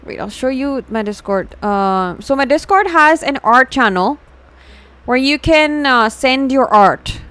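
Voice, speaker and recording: Speaking at a measured pace, this Indian-accented VTuber host chats informally with her viewers about fan art, switching between Hindi and English. Her voice sits high and sounds animated and a bit bright.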